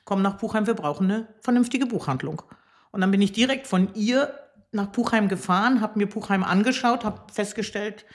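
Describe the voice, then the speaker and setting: A woman's voice: medium pitch, normal speed. A woman of sixty from Hamburg, a bookshop owner talking as a guest in a podcast interview, enthusiastic with many hesitant fillers. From Hamburg, Germany. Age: 60s.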